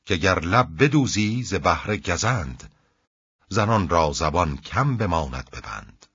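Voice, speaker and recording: A man with a deep, husky voice reciting the speech of a captive young hero in classical verse, in a measured, rhythmic chant. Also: very animated, a bit bright, no room sound, heavily acted. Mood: earnest. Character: captive young male hero, hopeful and earnest. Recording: dull, lo-fi dry recording.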